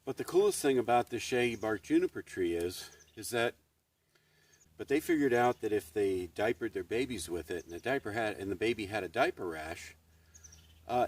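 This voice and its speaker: A man vlogging casually on an outdoor canyon trail, chatting and explaining plants as he walks. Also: lowish voice. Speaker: hiking vlogger.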